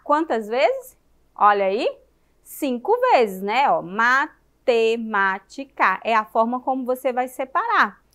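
A woman with a Brazilian Portuguese accent teaching a televised primary school lesson, asking the children questions and sounding out words slowly, syllable by syllable. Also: high-pitched, a bit bright.

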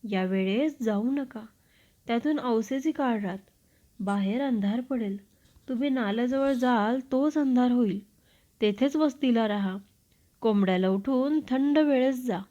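A woman's voice: on the high side, measured pace, mellow, natural voice. A woman reading the lines of an old village woman who earnestly warns a traveller, in a dull lo-fi recording. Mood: cautioning. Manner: pleading, cautionary.

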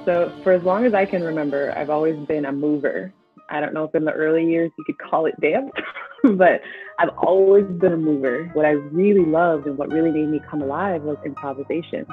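A woman's voice: deep voice, a little fast. A woman in her thirties from the Bay Area, a dance teacher speaking reflectively in an interview. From California Bay Area. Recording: dull lo-fi sound with music underneath.

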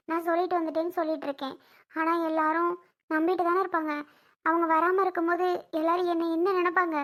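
Woman playing a high-voiced aggrieved young mother. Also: a bit bright. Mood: tearful, pleading. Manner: emotional, repetitive complaining. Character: anxious young mother wronged by her brother's family. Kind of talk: family drama skit.

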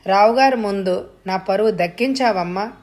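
A woman voicing a gentle, soft-spoken father who asks kindly in an audiobook story. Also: medium pitch, moderate pace, lightly acted.

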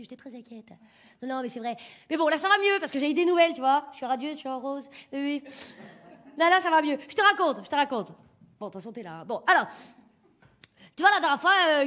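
A woman's voice: high voice, fairly bright tone. A woman comedian playing a crude, boastful working-class mother who rambles with lots of fillers and swearing. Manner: vulgar, rambling, full of fillers. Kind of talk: stand-up character monologue.

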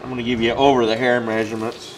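This taxidermist talks quickly in a flat, medium-pitched voice while a noisy background plays behind him. Out on concrete beside a building, he gives a casual on-camera walkthrough of his work, plainspoken and filler-heavy, as if thinking aloud.

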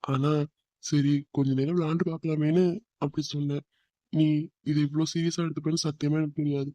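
Actor for a pleading cartoon boyfriend, quick and a little high, dry close sound. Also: male voice, level tone, warm tone, no echo, natural voice. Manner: coaxing, apologetic, playful. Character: young man, teasing and pleading boyfriend. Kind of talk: cartoon voice acting.

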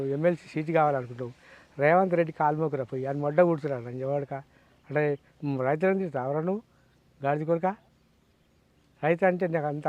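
A man, a farmer with a Telangana Telugu accent, angrily scolds someone and fires off rhetorical questions. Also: a little high. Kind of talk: angry rant to camera. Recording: dull dry lo-fi sound.

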